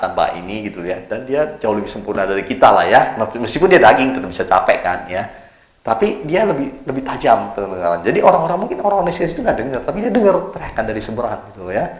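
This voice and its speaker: Fast-talking guy pastor, casual sermon, voice jumps up and down a lot, roomy church echo. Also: medium pitch. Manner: colloquial and animated, acting out voices and cries. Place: church hall.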